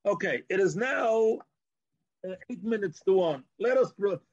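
A man's voice: high voice, lively intonation, a little slow, a little mellow, no echo, lo-fi sound. A man with a Yiddish-inflected accent giving an informal Torah lecture, arguing through rhetorical questions and repeating words as he goes. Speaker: Torah teacher.

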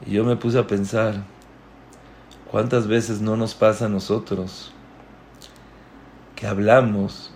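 Slow-spoken man giving a sermon. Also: lowish voice, flat delivery, a little mellow, slight background noise. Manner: storytelling, moralizing, slow and deliberate. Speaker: religious teacher.

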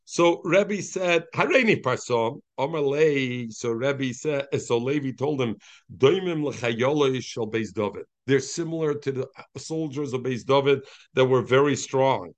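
A man's voice: mid-range voice, unhurried. A man with a Yeshivish accent teaching a daily Talmud class, mixing Aramaic and Yiddish phrases into his English and calling on students by name. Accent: Yiddish-inflected Yeshivish English.

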